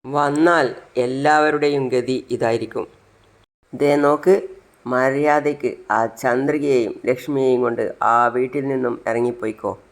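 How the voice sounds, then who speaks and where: Arrogant bully figure, slow and gravelly, narrator putting him on. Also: male voice, mid-range voice, steady tone, lightly acted. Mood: sneering. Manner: sneering, bossy. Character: arrogant man throwing someone out.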